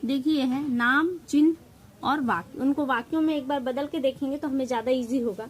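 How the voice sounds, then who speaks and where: A woman with a bright, high voice and a Hindi accent teaching a grammar lesson for exam prep. She explains patiently and step by step, leaning on key terms and slipping English words into her speech. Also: a little fast, slight background noise, poor audio.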